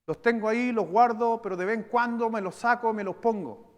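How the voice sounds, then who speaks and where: A high-pitched man with a Chilean Spanish accent preaches in a church hall. His voice rings with a long reverb. He shifts from loud, emphatic bursts to slow, hushed stresses. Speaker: pastor. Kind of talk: sermon.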